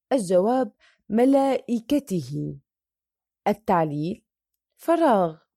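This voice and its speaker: A woman's voice: medium pitch, mellow, no echo, clean studio sound. A woman teacher reading a Quran recitation worksheet aloud, going through each question and answer methodically and drawing out the example words.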